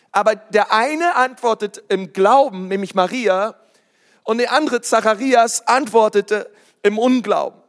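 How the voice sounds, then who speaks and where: High-voiced lively preacher man. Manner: lively, joking, calls for congregation responses. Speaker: pastor. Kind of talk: sermon.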